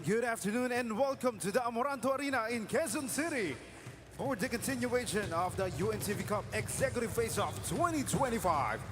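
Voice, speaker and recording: A man announcing players over a public address system at an indoor basketball arena. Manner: booming, drawn-out announcing. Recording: long arena reverb, loud music.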